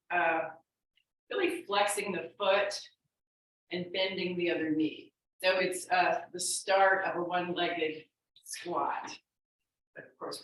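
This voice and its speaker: Female fitness instructor, lowish pitch, unhurried encouraging step-by-step cues, recorded off-mic. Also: a bit bright, slight background noise. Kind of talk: exercise class instruction, cueing and counting moves. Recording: very echoey room, distant microphone.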